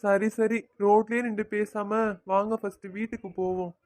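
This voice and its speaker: A woman's voice: medium pitch, fairly even intonation, normal speed, darkish tone, lightly acted. A woman voicing an earnest, loyal young son-in-law in a cartoon who reassures his mother-in-law.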